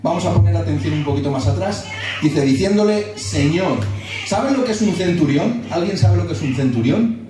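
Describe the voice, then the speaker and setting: A man from Spain preaching a sermon, explaining slowly and repeating words for emphasis. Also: on the high side, expressive, over music. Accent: Spain Spanish. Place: church hall. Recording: distant mic in echoey church hall.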